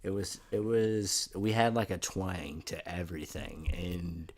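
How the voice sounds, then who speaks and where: A man's voice: deep voice, measured pace. A man, co-hosting a casual podcast chat and chiming in with short, laid-back agreements. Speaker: podcast co-host.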